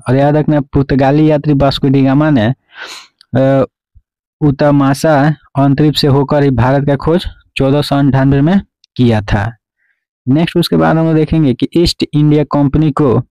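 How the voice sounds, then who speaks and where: Mellow-voiced man drilling quiz answers. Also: mid-range voice, no echo, low-quality recording. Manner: repeats "remember" and "okay" as drilled prompts. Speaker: exam-prep teacher. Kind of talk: quiz explanation lesson.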